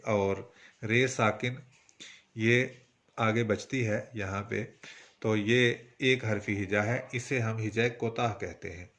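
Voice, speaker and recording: A man's voice: medium pitch, fairly bright tone. Patient Pakistani man teaching poetry. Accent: Punjabi-influenced Urdu. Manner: patient, slow, sounds words out syllable by syllable. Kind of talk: instructional lesson.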